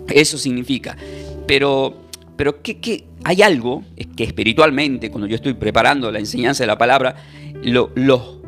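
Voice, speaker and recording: A man delivering a sermon as a congregation's pastor, moving through scripture with a string of rhetorical questions and lines for the room to repeat. His voice sits at a middle pitch. Soft instrumental music plays faintly beneath him.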